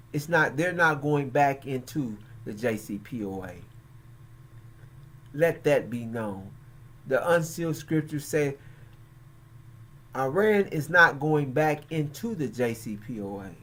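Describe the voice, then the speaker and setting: A man hosting religious and political commentary, speaking in a halting, emphatic way with frequent pauses. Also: on the high side, animated, a bit bright. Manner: slow, halting, emphatic delivery. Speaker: host.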